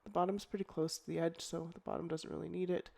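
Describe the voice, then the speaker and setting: Her voice low and croaky from a cold, a middle-aged scrapbooker talks fast as she walks viewers through her project. The tutorial narration is relaxed and chatty, full of ums and restarts as she thinks aloud.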